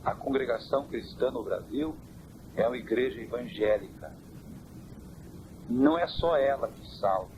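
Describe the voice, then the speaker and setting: Man, church elder, measured preaching answers, old cassette with heavy hiss, mid-range pitch. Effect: old worn cassette tape. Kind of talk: interview answers. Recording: hissy worn cassette tape.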